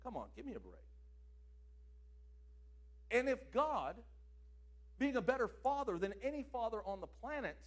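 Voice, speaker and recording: A man preaching a sermon, emphatic, swinging between loud declarations and quieter asides. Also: very high voice, husky.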